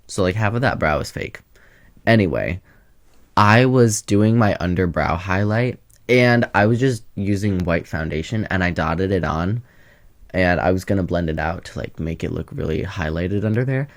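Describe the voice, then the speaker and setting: A young man with a slightly low voice chats to the camera in a loose, rambling way. He is sassy and quick to change topics, and he keeps it casual throughout. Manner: chatty, sassy, jumps between topics. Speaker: vlogger. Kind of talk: casual rambling vlog chat.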